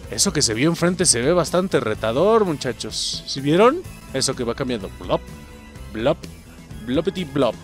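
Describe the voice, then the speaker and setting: A man's voice: medium pitch, moderate pace, over music. A young adult man with a Mexican accent giving casual, profane gameplay commentary and keeping up a running chat with his viewers. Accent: Mexican Spanish. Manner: excitable, profane, keeps addressing the viewers. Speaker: let's play host.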